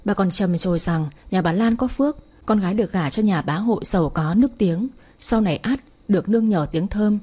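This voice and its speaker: A woman narrating a romance story in a calm, even storytelling manner. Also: medium pitch, normal speed, hardly any pauses, husky.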